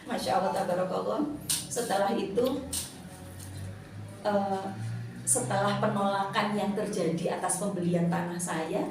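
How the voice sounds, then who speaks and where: A woman, a kindergarten teacher, telling a lively personal testimony and acting out the dialogue, with frequent laughter. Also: mid-range voice, measured pace, pauses often, background noise. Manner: animated storytelling, laughs often, acts out dialogue. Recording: echoey, distant, faint room ambience.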